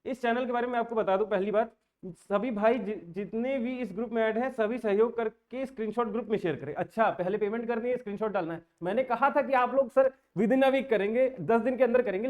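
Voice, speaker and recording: A young man who vlogs for the exam-aspirant community speaks in a very high, darkish voice, giving informal commentary to his viewers. He's earnest and argumentative, mixing English words into his Hindi and frequently posing pointed rhetorical questions.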